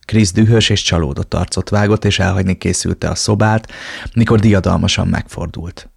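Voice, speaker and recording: Male audiobook narrator, very low and husky, dry close sound, brooding first-person read. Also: steady tone, a little mellow, no echo. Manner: brooding, inward.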